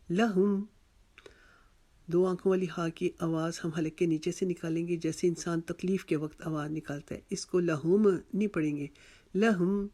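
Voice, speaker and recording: A Quran recitation teacher, slowly explaining tajweed and repeating each word, drawing out chanted words. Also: dark tone. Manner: slow, patient, repeats each word and drills pronunciation; chants the verse words drawn out and higher.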